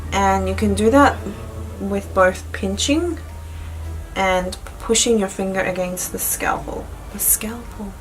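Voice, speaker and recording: Female beauty vlogger, mid-pitched, casual step-by-step instruction, music underneath. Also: rough recording. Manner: informal, step-by-step explaining. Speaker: beauty vlogger presenting a makeup tutorial.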